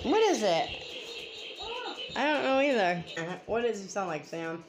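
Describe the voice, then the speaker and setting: A woman's voice: mid-range voice, animated, a little slow. A woman filming her dog at home, laughing, teasing and calling the dog in casual chat. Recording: noisy home phone recording.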